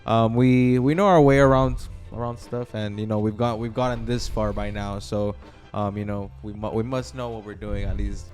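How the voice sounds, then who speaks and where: A man's voice: on the low side, fairly even intonation, normal speed, a little mellow, faint music behind. A young man co-hosting a casual podcast, rambling with stammered restarts and plenty of fillers. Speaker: podcast co-host. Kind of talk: casual chat.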